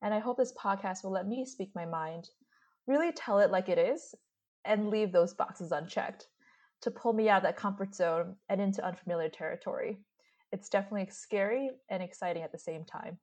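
A woman in her late twenties from Brooklyn reads a scripted podcast intro as co-host. Her voice sits at a middle pitch, and she speaks in a measured, reflective way. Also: a little mellow. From Brooklyn, New York. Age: late 20s.

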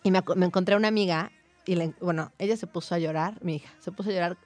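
A woman in her thirties or forties with a Mexican accent, a psychologist, telling a personal anecdote in lively conversation. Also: on the low side, very fast, soft background music. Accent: Mexican Spanish. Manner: animated, tells anecdotes with quoted dialogue. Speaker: psychologist, guest or co-host. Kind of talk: casual conversational storytelling.

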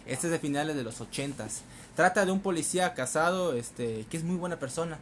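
A man's voice: on the high side, a little fast, a little hiss or hum. A man with a Mexican Spanish accent, co-hosting a casual chat and animatedly retelling movie plots with slang. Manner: animated storyteller, acting out characters with swearing and laughter. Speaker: podcast co-host.

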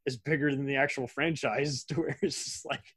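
A man hosting a podcast in casual chat, relaxed and talkative, laughing often. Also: mid-range voice, a little fast, slightly rough, no echo. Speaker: podcast host.

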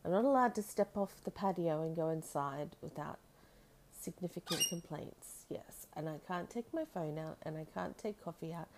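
A woman podcast host chatting casually and intimately to her pet bird, doting and rambling, with soft tag questions. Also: on the low side, lively intonation, moderate pace, background noise.

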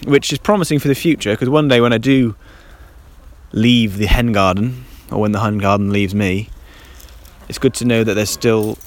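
A man's voice: lowish voice, moderate pace. Man on a handheld dictaphone recording. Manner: rambling, with many ums and restarts. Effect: handheld dictaphone recording outdoors. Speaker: podcast host. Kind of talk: casual solo podcast chat. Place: damp garden outdoors in light rain, then a covered shelter.

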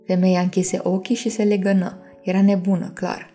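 Lady narrating a bedtime story, soft mellow voice, little music in the back. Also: on the low side, little pitch movement. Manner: gentle, addresses listeners as dears.

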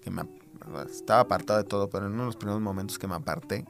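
A Mexican man with a low, gravelly voice recalls a personal story as a guest on a podcast. He speaks in a hesitant, halting way, full of fillers and restarts. Clear background music plays under his voice in the recording booth.

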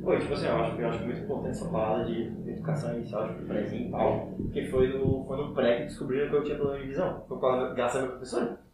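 A young man, chatting casually as a podcast host, slangy and quick to laugh. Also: medium pitch, little pitch movement. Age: young adult. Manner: slangy, laughs often, fast storytelling. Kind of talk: casual chat. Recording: echoey room, mic at a distance, faint noise.

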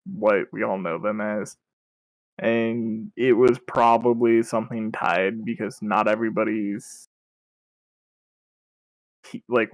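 A man's voice: fairly low pitch, no echo, rough recording. A young man co-hosting a podcast, chatting casually in an offhand, wry, dismissive way. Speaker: podcast co-host. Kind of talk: casual chat.

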